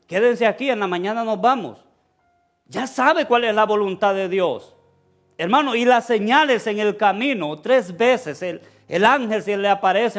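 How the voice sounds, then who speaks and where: A man's voice: sits high, fairly bright tone. A male pastor preaching a sermon, calling his listeners "brother" and acting out the characters' words in dialogue. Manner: preaching, addresses listeners as "hermano"; acts out quoted characters in dialogue.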